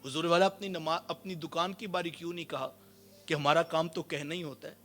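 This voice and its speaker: A man preaching a sermon, telling stories with quoted voices and swinging between loud and soft passages. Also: fairly high pitch, fairly even intonation. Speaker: Islamic preacher.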